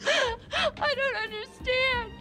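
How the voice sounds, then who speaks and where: An actress playing a frightened, devoted middle-aged mistress, tearfully pleading in a television drama. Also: female voice, very high-pitched, extremely slow, over loud music, exaggerated voice.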